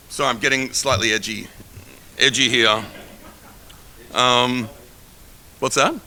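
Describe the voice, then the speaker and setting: A man's voice: medium pitch, fairly even intonation, slow pace, pauses often, sharp tone, a little hiss or hum. A man teaching a live coding workshop in a casual, joking way with rambling asides. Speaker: workshop instructor.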